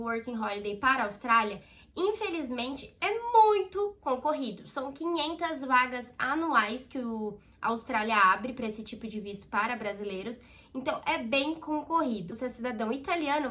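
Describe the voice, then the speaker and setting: Young brazilian woman vlogging, brazilian portuguese accent, high voice, keeps talking straight to her viewers. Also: bright, forceful tone. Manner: chatty, addresses viewers as "gente". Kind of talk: direct-to-camera explainer.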